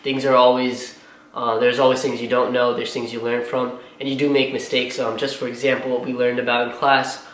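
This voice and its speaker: A young man talks earnestly to camera as a pharmacy student, rambling through his thoughts with plenty of fillers. He sounds a little out of breath, his voice sits at a middle pitch, and the room around him is echoey with faint background noise. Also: flat delivery, fairly quick. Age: young adult. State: slightly out of breath. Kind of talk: casual vlog talk to camera.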